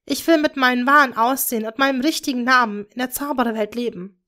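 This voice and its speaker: A woman's voice: on the high side, fast, bright, forceful tone. A woman voicing a young witch speaking earnestly and eagerly to her father.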